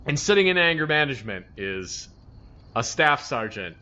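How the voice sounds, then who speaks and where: A man casually telling an animated, profane story about his army days, acting out the people he quotes. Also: medium pitch, moderate pace, dull audio. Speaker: army veteran telling stories.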